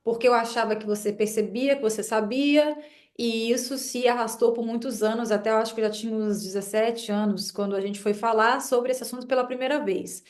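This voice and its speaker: Young woman host who stutters; gentle questioning tone, voice on the high side. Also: fairly even intonation, fairly quick. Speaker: host and interviewer. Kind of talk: interview conversation.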